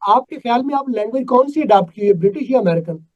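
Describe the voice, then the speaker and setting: A man's voice: extremely high pitch, expressive, fast talker, dull audio. A man from Pakistan teaching an English class over a video call, emphatic and quizzing his students. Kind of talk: live online class.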